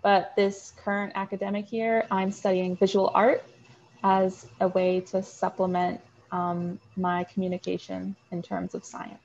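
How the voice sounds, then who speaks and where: A woman's voice: medium pitch, flat delivery, a little slow, creaky, a little mellow, muffled recording, slight background noise. A young woman in her twenties, a student guest, giving earnest answers with frequent hesitations over a video call. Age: 20s. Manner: earnest, explains with many "um"s. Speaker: guest, marine biology student. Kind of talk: interview answers.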